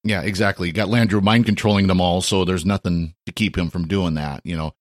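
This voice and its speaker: Male podcast co-host, low voice, dry close mic, agreeable and conversational. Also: steady tone, a little fast, no room sound. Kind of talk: casual discussion.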